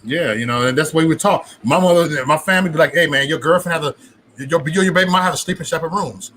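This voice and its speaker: A man in his forties hosting a live stream chat, telling family stories with an animated manner and a husky voice. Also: fairly high pitch, quick pace, a little hiss or hum. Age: 40s. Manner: animated, laughing storyteller. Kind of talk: casual group chat.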